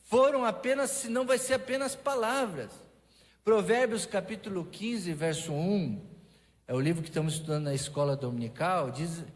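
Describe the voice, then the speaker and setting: A man preaching a sermon in a Brazilian Portuguese accent, talking in a conversational way with restarts and lively asides. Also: sits high, moderate pace. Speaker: pastor. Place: church sanctuary. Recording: long reverb of a church hall.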